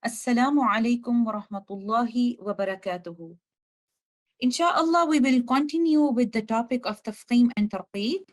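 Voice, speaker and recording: A woman with a slightly high voice gives a recorded recitation lesson. She explains each rule step by step. She slows down to sound out single letters with care. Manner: slow, careful demonstration of letter sounds. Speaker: tajweed teacher.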